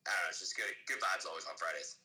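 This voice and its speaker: Casting: young male podcast co-host, sharp bright voice, quick casual delivery. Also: deep voice. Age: young adult. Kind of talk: casual chat between friends.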